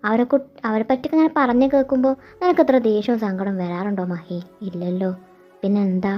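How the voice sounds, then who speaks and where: Brief: woman as a gentle, probing mother, lo-fi recording. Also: medium pitch, close to an everyday voice. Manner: gentle, coaxing, soft-spoken. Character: caring, perceptive middle-aged mother. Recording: dull lo-fi sound. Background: faint background music.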